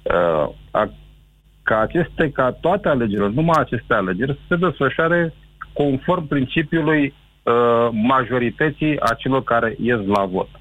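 A man calling in to a radio show, speaking hesitantly with lots of pauses and restarts. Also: mid-range voice, lively intonation, dry recording. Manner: hesitant, many fillers and restarts. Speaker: caller. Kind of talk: call-in radio chat. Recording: tinny phone line.

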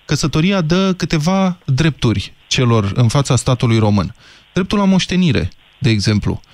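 A man hosting a call-in debate, calm and explanatory as he takes calls. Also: medium pitch, no echo. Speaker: talk show host.

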